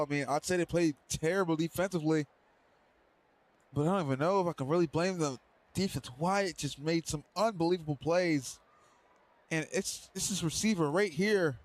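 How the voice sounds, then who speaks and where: A man calling a livestreamed online football game, doing excitable play-by-play with loose, rambling asides and then interviewing a player. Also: high voice. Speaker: play-by-play commentator and stream host. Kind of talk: casual livestream sports commentary.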